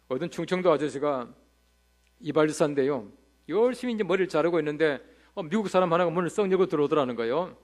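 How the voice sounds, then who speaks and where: Fast-talking high-voiced male pastor. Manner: storytelling, rhetorical questions to the congregation. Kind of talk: revival sermon with humorous anecdotes. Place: church.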